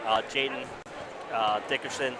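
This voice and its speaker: A man giving live basketball analysis as color commentator, conversational and a bit halting as he picks his words. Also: mid-range voice, steady tone. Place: indoor school gymnasium. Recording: noisy gym with bouncing balls.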